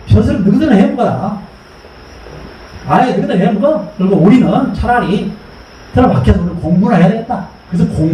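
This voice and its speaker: A middle-aged man with a high, warm voice gives a history lecture, quizzing his audience and having them repeat terms aloud. He's captured from far off in an echoey hall, with a little hiss or hum.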